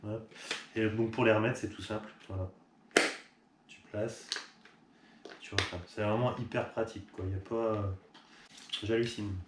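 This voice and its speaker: A man's voice: fairly low pitch, little pitch movement, a little slow, long pauses. A man who runs an online shop, chatting casually and upbeat with fillers as he unboxes a product. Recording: echoey room with clear background noise.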